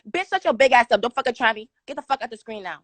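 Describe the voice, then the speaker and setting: A young woman calling in to a livestream, roasting the hosts in a rapid-fire, profane, mocking rant. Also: on the high side, animated, heavy background noise. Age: young adult. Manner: rapid-fire crude insults, aggressive and mocking. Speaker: caller on a livestream.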